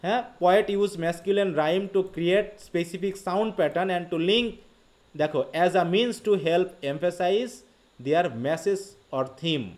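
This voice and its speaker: A man with a Bangladeshi accent teaching a live online literature class. He explains quickly, reads English passages slowly and keeps asking his students questions. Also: high voice, darkish tone. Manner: quick Bengali explanation, slow read-aloud English quotes, frequent questions to students.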